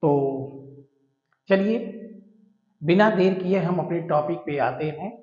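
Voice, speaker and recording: A man's voice: high voice, takes it slowly, darkish tone. A man teaching a vocabulary lesson, explaining terms patiently, repeating words and spelling them out letter by letter. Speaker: English teacher. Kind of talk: classroom-style explanation of vocabulary. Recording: echoey, dull lo-fi room.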